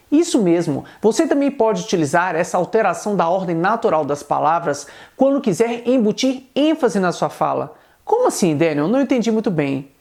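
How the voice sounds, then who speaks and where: A man with a Brazilian Portuguese accent teaching an online English lesson. He explains patiently and slows right down to model each English example sentence. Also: high-pitched, gravelly, a little mellow.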